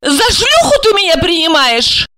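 Woman voicing a shrill indignant celebrity. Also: very animated, normal speed, pushed and bright, exaggerated voice. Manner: shrill, exclaiming, scornful. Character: indignant, theatrical woman celebrity, quick to tears.

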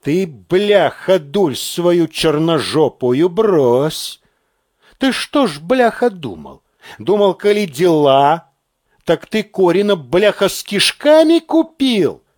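A man voicing a gruff, scheming lieutenant colonel who bullies in a slow, mock-friendly drawl, reading an audiobook. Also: sits high, sing-song, darkish tone, no echo, clean studio sound, heavily acted. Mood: angry.

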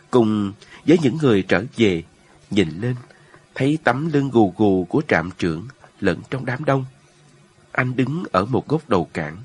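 Husky, expressive male storyteller. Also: mid-range voice. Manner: expressive, emotional reading. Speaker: narrator. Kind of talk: storybook reading.

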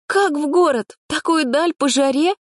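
A woman voicing a petulant, sharp-tongued young woman camper, whiny and indignant. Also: high-pitched, measured pace, dry recording, studio quality, pitched above the performer's own voice.

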